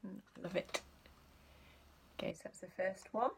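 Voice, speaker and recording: A woman's voice: mid-range voice, fairly even intonation, a little slow, creaky, a little hiss or hum. A woman chatting casually about her resale finds, rambling and hesitant with many ums. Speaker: reseller vlogger. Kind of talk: casual chat.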